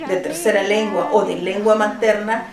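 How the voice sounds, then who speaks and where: A woman's voice: medium pitch, fairly even intonation, normal speed, crowd noise. A woman from El Salvador, a teacher, answering interview questions at home, earnest and thoughtful with small restarts. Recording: roomy, mic at a distance.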